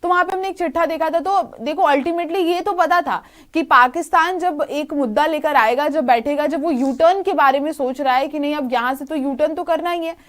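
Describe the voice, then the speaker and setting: A woman's voice: sits high, moderate pace, few pauses. A woman with an Indian accent co-hosting a casual cricket discussion, agreeing often and adding short remarks. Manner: agreeable, short backing replies. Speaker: cricket show co-host.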